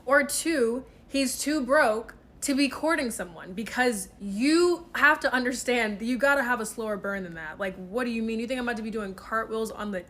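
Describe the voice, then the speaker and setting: A woman's voice: fairly high pitch, lively intonation, moderate pace, few pauses, fairly bright tone. A woman giving casual, confident, slick advice in a blunt, sassy, sweary way with emphatic rhetorical questions. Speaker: dating advice video creator. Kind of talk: casual chatty advice monologue.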